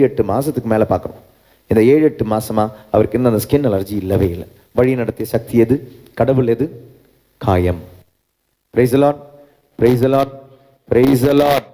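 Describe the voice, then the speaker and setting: Priest preaching in an echoing church. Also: male voice, medium pitch, dark tone. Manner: preaching with repeated refrains, switching into English. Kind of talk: sermon. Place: large church. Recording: long church reverb.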